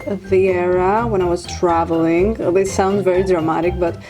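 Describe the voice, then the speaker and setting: A woman's voice: fairly low pitch, steady tone, moderate pace. A young woman vlogging casually from her living room, chatting and laughing at herself. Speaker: fashion vlogger. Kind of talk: casual chat with read-out facts. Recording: music playing underneath. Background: music.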